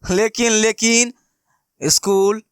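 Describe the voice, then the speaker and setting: Young man, math teacher, high voice, chatty and playful, asks and answers his own questions, dry close sound. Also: steady tone, takes it slowly, smooth, no echo. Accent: Bihari Hindi. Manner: chatty and playful, keeps asking questions and answering them himself. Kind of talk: casual classroom lesson explaining with everyday examples.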